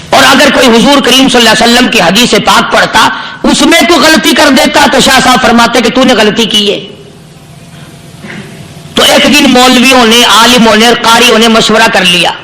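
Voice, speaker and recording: Man preaching, very high voice, emphatic repeated phrases, echoey hall. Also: pushed and bright, slight background noise. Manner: rising emphatic repetition, storytelling. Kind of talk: sermon.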